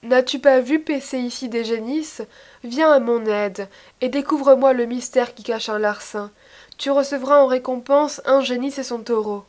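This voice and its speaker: A woman's voice: sits high, steady tone, moderate pace, darkish tone, natural voice. Woman reader as sly male trickster god; storybook reading, slightly raised, persuasive.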